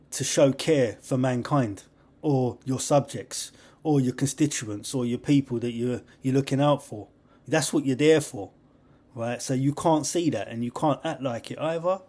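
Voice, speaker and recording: A young man, hosting a podcast in a rambling, excitable monologue full of slang and laughter. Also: mid-range voice. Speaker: podcast host. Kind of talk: casual monologue.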